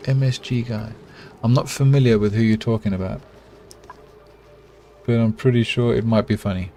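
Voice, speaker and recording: At a moderate pace and medium pitch, with slight background noise, a middle-aged South African streamer comments live on his colony-building game. Relaxed and chatty, he responds to his chat and talks to himself while building.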